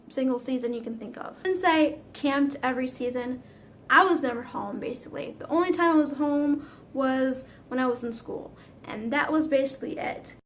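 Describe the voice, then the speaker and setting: High-pitched woman vlogger, casual storyteller, dramatic and foul-mouthed. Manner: chatty, dramatic, swears freely.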